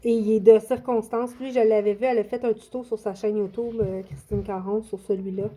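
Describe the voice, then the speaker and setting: A woman's voice: medium pitch, little pitch movement, a little fast, dark tone. A woman with a Québécois French accent chatting casually through a show-and-tell of her coloring books, hesitant, with many fillers and restarts. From Quebec. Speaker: coloring book YouTuber.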